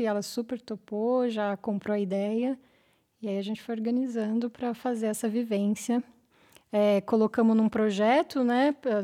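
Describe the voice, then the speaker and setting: Woman guest, slightly high voice, easygoing and chatty, studio interview. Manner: relaxed, rambling with fillers like "né" and "então". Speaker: interview guest, cultural center member. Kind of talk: podcast interview. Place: radio studio.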